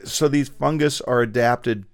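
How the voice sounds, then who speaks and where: A man's voice: medium pitch, measured pace. A man co-hosting a radio show, asking playful questions and making dry jokes. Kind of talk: casual radio banter.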